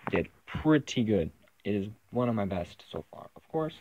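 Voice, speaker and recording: A man's voice: lowish voice, big pitch swings, normal speed, background noise. Man rambling through a lo-fi toy haul. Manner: rambling, with many fillers. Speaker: toy collecting vlogger. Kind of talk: casual haul vlog. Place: indoors, camera pointed at toys on a carpeted floor.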